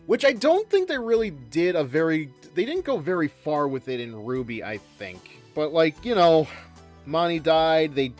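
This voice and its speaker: Casting: male game streamer, lively intonation, casual, meandering, hesitant chat. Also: fairly high pitch, moderate pace, soft background music. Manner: rambling, hesitant, conversational. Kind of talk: casual live commentary and chat.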